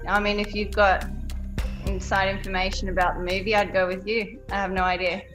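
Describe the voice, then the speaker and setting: A woman's voice: mid-range voice, flat delivery, brisk, over music. A young woman chatting casually as a game show contestant. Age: young adult. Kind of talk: casual chat.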